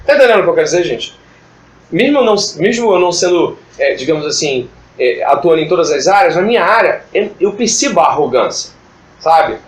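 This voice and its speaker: A man's voice: fairly high pitch, very animated, a little fast. A man leading an informal Bible study, talking in a chatty, joking way and acting out classroom exchanges. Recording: echoey room with background noise.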